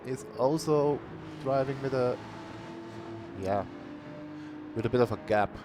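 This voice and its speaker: This sim racing commentator has a medium-pitched male voice and admits he sounds monotonous. His delivery is unhurried and plain-spoken, punctuated by bursts of cheering, and the stream audio is noisy.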